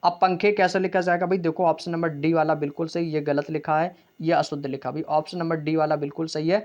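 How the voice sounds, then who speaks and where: Brisk Hindi-speaking man teaching exam grammar. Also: a little high, muffled recording. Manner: brisk, keeps calling students brother, asks and answers own questions. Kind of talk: exam practice lesson.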